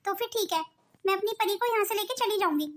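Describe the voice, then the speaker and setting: A woman's voice: extremely high pitch, fast, a little hiss or hum. A woman doing a pleading wronged cartoon wife. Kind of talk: cartoon voice acting.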